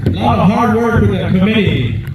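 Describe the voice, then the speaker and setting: A man working as a powwow emcee, announcing over a PA with drawn-out names and joking asides. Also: high-pitched, very noisy. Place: large powwow event over loudspeakers. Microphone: PA microphone, recorded at a distance. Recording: echoey PA from far off, crowd around.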